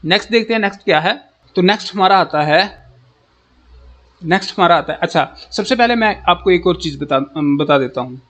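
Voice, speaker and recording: Guy with a high voice rattling through idioms for an exam class, slows way down on the english examples. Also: expressive, fairly bright tone. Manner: fast-talking, keeps saying "ठीक है"; reads English example sentences slowly. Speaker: exam coaching teacher. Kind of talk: explaining English idioms in Hindi.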